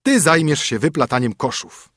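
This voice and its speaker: A man's voice: on the high side, very animated, normal speed, fairly bright tone, no echo, studio quality, voice pushed up. A man voicing a stern poor minstrel husband, a disguised king, speaking in a scolding, commanding way in a storybook reading.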